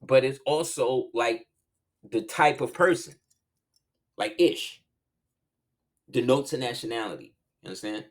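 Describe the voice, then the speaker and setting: Casual solo host, man, animated, pitch swinging from low murmurs to high bursts. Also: a little slow, pauses often. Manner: animated, swings between low murmurs and loud laughing outbursts. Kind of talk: casual monologue.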